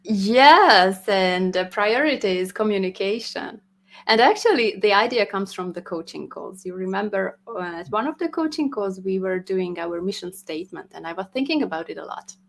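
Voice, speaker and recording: Here a woman who teaches music and grew up speaking Hungarian in Hungary chats informally. Her mid-range voice is expressive, gravelly and a bit bright, and she pauses thoughtfully, stumbles slightly and frequently laughs.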